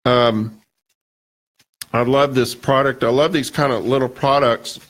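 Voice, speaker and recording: A man's voice: mid-range voice, fairly even intonation, unhurried, a bit bright. A male radio show host talking casually and rambling, with many restarts and fillers, his voice a bit scratchy. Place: radio studio.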